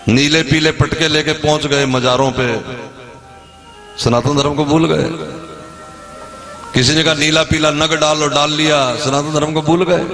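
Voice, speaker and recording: A man preaching a devotional sermon, telling scripture stories with animated energy and putting questions to his audience. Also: fairly high pitch. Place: religious gathering before an audience.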